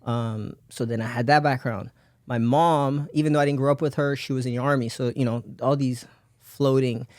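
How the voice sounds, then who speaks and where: A man's voice: medium pitch, fairly even intonation, normal speed, a little mellow, no echo, studio quality. Rambling man telling his life story. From raised in Belgium. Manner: rambling, laughs often, many fillers. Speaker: podcast guest. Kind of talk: casual life-story interview.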